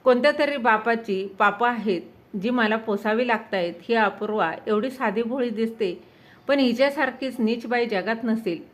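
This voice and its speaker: A woman's voice: a little high, moderate pace, close to an everyday voice. A woman voicing a bitter, cold-hearted husband. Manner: harsh, bitter, brooding. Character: cold resentful wealthy husband and father.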